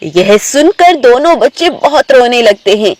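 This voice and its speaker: A woman narrating an animated children's story in a storybook manner. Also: fairly high pitch. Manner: slow, storybook telling.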